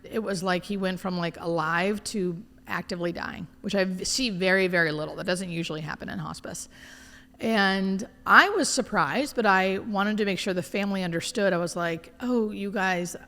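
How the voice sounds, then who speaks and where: A woman's voice: fairly low pitch, moderate pace, big-room sound. A woman speaking as a hospice nurse being interviewed, telling stories candidly and informally and often acting out bits of dialogue. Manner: informal, expressive, often quoting imagined dialogue. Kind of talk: candid conversational storytelling.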